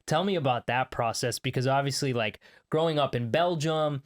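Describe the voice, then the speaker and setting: Relaxed man hosting an interview. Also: mid-range voice, moderate pace. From Canada. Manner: relaxed, conversational, asks long winding questions. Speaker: podcast host. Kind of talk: casual interview conversation.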